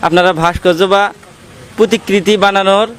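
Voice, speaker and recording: A man's voice: high voice, fairly even intonation, brisk, fairly bright tone. A man with a Bangladeshi accent making a formal spoken appeal as a family spokesman.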